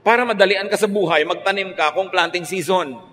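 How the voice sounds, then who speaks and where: A man's voice: high-pitched, a little fast. Filipino man preaching in a reverberant hall. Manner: conversational preaching, mixing Filipino and English with lively rises. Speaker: pastor. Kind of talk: radio sermon. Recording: faint noise, long reverb.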